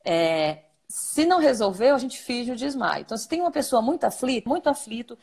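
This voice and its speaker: Brazilian woman therapist, husky and gravelly voice, chatty, explains by asking herself questions. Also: on the high side, very animated, brisk, darkish tone. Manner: conversational, asks and answers her own questions. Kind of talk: explanatory interview talk.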